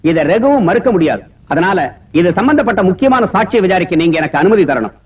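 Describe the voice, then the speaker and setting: A brisk fast-talking prosecutor. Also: male voice, high-pitched, big pitch swings, far from the mic, lo-fi sound, noisy background. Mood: insistent. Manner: brisk, questioning. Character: public prosecutor, brisk and insistent.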